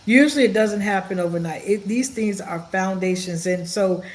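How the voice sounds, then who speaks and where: A woman's voice: medium pitch, moderate pace. A woman in her fifties, a social worker, talking in a podcast interview in an earnest, emotional way, often repeating her words. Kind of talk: heartfelt interview talk.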